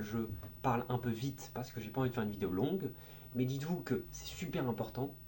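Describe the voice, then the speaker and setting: A video creator with a warm, mellow, medium-pitched voice gives speaking tips in a relaxed, informal explainer. He's lively and expressive, demonstrating voices and tones, and occasionally uses crude slang. A faint hum sits in the background.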